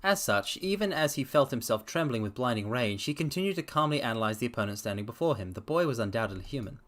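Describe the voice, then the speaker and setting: While streaming, a man reads visual novel text aloud with theatrical flair and throws in casual comments. He talks fast and expressively, his medium-pitched voice fairly bright in tone, with the game's music faintly audible behind him.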